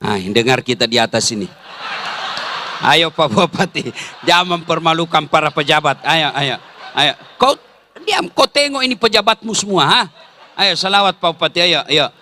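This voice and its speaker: A man's voice: fairly high pitch, lively intonation, moderate pace, pushed and bright, slight background noise. A man preaching a humorous sermon to a large religious gathering, teasing the crowd and leading it in chanting. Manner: joking, teasing the audience. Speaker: Islamic preacher.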